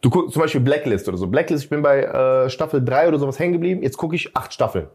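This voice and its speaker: A man ranting with heat in casual podcast talk, firing off indignant questions. His pitch sits in the middle for a man. He keeps tossing in "Bruder" as he gets worked up. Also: animated, fast talker, a little mellow. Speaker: podcast co-host.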